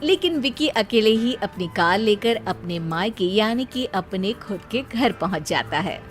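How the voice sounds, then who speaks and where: A woman narrating a scripted comic story for an animated video. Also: medium pitch, a little slow, soft background music.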